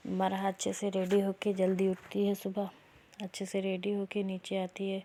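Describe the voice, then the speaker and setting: A woman narrates a romance story in a relaxed, chatty way, as if talking to friends. Her voice stays fairly level with little rise and fall, and her tone is mellow and dark rather than bright. She reads the characters' lines without putting on voices. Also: medium pitch, normal speed, a little hiss or hum. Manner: chatty, retells dialogue plainly without doing voices. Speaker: storyteller and channel host. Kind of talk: casual spoken storytelling.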